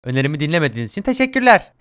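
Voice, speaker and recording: This young gaming YouTuber races through his horror let's play in a fairly high, sing-song voice with a clear, resonant tone. He swears constantly and yells and shrieks whenever a jumpscare hits.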